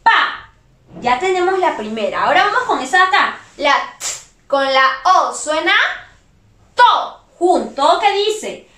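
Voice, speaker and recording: High, sing-song woman teacher. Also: expressive, a little slow, sharp tone. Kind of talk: online reading lesson for young children. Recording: roomy echo.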